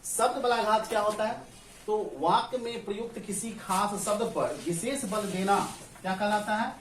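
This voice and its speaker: A man's voice: sits high, steady tone, normal speed, fairly bright tone, slight background noise. Male teacher, classroom grammar lesson, asks questions and answers them, echoey room. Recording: echoey room, far from the mic, faint ambience.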